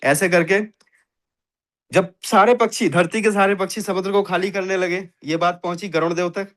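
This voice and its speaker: A man's voice: sits high, steady tone, fairly quick, fairly bright tone. A man giving an emphatic motivational talk on a video call, telling a fable and repeating catchphrases to his audience. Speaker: motivational speaker in an online finance meeting.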